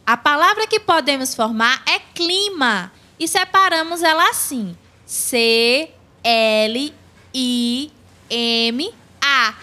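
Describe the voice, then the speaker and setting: A woman playing an eager, excitable young schoolgirl in a children's educational audio drama. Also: extremely high pitch, moderate pace, few pauses, full character voice. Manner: excited, eager, sing-song.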